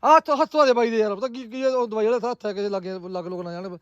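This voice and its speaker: A man acts out a flustered landowner, talking very fast in a very high, bright voice. He stumbles over his words and repeats himself as he placates. The sound is dry and close. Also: dry recording, dull audio, close to an everyday voice. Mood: placating. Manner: pleading, placating, stumbling repetitions. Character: anxious male landowner pleading with his farmhand. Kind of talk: amateur village drama.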